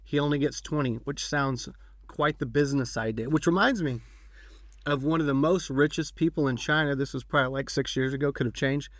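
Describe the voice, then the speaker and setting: A man's voice: mid-range voice, brisk, no echo, studio quality. Casual rambling podcast host man. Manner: rambling, with fillers and restarts. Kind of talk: casual chat.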